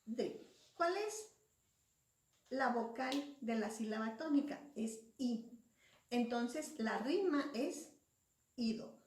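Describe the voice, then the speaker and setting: A woman's voice: on the high side, lively intonation, takes it slowly, pauses often, darkish tone. A woman teacher explaining a lesson patiently, spelling out syllables and letters one by one. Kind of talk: slow classroom explanation. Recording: echoey room, voice far from mic.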